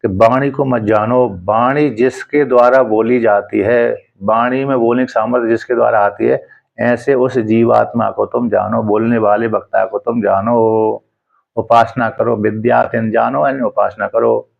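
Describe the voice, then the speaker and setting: A man teaching a Sanskrit scripture commentary, reading each phrase slowly and then explaining it in plain conversational speech. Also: mid-range voice, steady tone, creaky, highs cut off.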